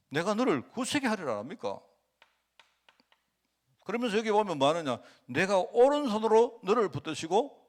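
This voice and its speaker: A middle-aged male pastor giving a conversational sermon, asking rhetorical questions and acting out quotes. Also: high-pitched.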